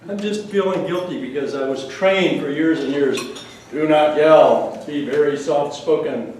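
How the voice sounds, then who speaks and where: A man with a loud, powerful voice giving a speech to a club audience and putting rhetorical questions to them. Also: a little high, slight background noise. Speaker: speaker. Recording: echoey room, from far off.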